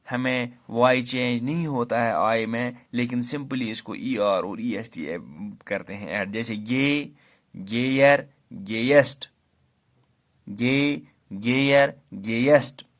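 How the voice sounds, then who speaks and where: Slow, deliberate male teacher. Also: medium pitch. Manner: reads English rules slowly, then explains in Hindi. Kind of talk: classroom grammar lesson.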